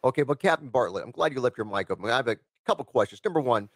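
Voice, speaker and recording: A man's voice: mid-range voice, lively intonation, rapid-fire, dry recording. Male radio host, rambling, reads news, filler-heavy, dry studio sound. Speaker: talk show host. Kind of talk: live radio talk show hosting. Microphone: studio microphone.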